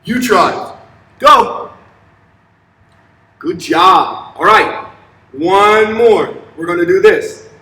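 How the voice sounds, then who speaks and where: Casting: young male PE teacher, high-pitched, upbeat and encouraging with kids, heard at a distance in a big gym. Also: expressive, very slow, pauses often, pushed and bright. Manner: upbeat, encouraging, simple short directions to kids. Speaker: elementary physical education teacher. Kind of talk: instructional fitness demonstration for children. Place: large empty indoor school gymnasium. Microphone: camera a few steps away. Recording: echoey gym, distant camera mic.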